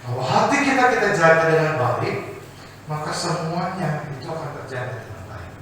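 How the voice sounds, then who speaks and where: A fairly high-voiced man preaching an animated sermon, drawing amens from his congregation. His voice booms around a large church hall with a long, ringing reverb, caught from a distance over a faint room murmur. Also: moderate pace, slight background noise. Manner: animated storytelling with call-and-response. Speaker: pastor.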